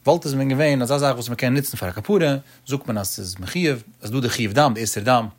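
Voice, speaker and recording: A man giving a traditional Talmud study lecture, in a sing-song, emphatic delivery with animated rises. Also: mid-range voice, quick pace. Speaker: Talmud teacher.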